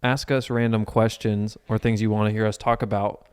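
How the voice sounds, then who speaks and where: A young man from the US Midwest co-hosting a podcast, cracking dry, deadpan jokes and teasing his co-host. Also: lowish voice, moderate pace, smooth. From Ohio, US. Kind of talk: casual chat.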